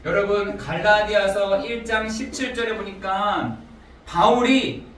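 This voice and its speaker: A male pastor delivering a lively sermon, firing off rhetorical questions and acting out exchanges from scripture. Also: sits high, unhurried, slight background noise. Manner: animated preaching, rhetorical questions, voicing scripture dialogue. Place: church sanctuary. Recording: echoey church from a distance.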